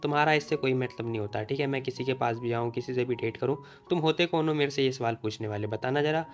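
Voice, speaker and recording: A man's voice: medium pitch, fast, faint music behind, natural voice. A man reading the lines of a cocky, defiant young man in a brusque, challenging tone.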